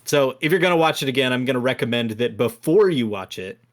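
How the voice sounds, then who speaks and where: A man co-hosting a podcast, explaining a point in a measured, casual way. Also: medium pitch, animated. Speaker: podcast co-host. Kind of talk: casual chat.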